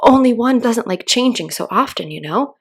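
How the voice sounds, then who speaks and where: A polite storybook little girl, voiced by a woman, earnest and hesitant, quick to feel slighted. Her voice is pitched a bit up from plain narration, with a husky, creaky edge. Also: lively intonation, full character voice. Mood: pleading. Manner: proper and hesitant. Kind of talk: children's storybook read-aloud.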